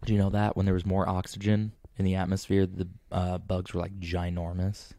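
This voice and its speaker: A young man co-hosting a casual podcast, rambling and animated, with lots of fillers. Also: deep voice, fairly quick. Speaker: podcast co-host. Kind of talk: casual chat.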